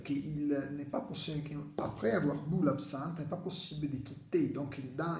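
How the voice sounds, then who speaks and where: A man who is not a native French speaker, explaining to camera in halting, imperfect French with a foreign accent. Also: mid-range voice, a little mellow. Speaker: video presenter. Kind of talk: unscripted explanatory talk to camera. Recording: echoey, reverberant room sound.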